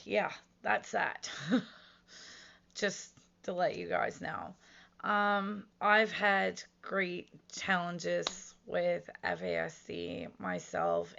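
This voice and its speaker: A woman's voice: fairly low pitch, gravelly, a bit bright, dull audio. A woman in her thirties talking earnestly and casually about her own experience, with many fillers and restarts. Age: 30s. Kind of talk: casual personal talk to camera.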